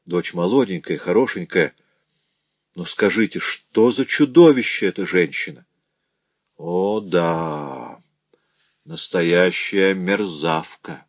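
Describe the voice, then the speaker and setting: A man's voice: low-pitched, slow pace, no room sound. A man voicing a poor, grieving woman who tells of her husband's cruelty in a sorrowful, pleading way.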